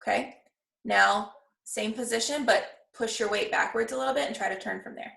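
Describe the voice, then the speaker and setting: A woman's voice: on the high side, moderate pace, creaky, a bit bright. A woman speaking as a ballet master, teaching a class with encouraging corrections and counted-out steps. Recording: echoey room, distant from the mic.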